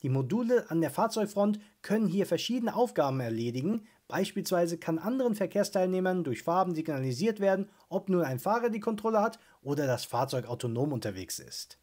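A man's voice: sits high, big pitch swings, brisk, hardly any pauses, a little mellow. A man hosting a tech video, giving scripted narration about car technology in an enthusiastic presenter tone.

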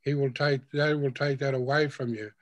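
Older male panelist, measured and reflective, dry close webcam sound. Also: medium pitch, fairly even intonation, no room sound. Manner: slow, reflective speech with repeated phrases. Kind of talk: panel discussion over video call. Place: home room with bookshelves. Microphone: video call webcam.

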